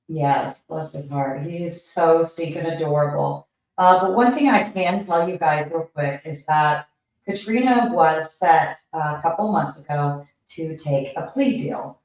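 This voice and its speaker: A woman hosting a casual livestream, chatty with lots of fillers, her voice hollow as if talking through a tube. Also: low voice. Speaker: livestream host. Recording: very echoey, distant, dull sound.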